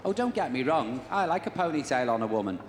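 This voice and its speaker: A man's voice: medium pitch, very animated, fast, lightly acted. An actor playing a cheesy, cheeky bingo caller, calling out numbers and teasing patter like a showman. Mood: cheeky, patronising. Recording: echoey hall PA with loud music.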